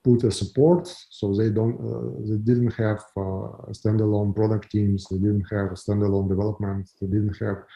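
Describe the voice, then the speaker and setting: A man from Ukraine with a Ukrainian accent, answering interview questions in halting, filler-heavy English. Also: on the low side, little pitch movement, vocal fry, lo-fi sound. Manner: halting, many fillers and restarts. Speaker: guest, company founder.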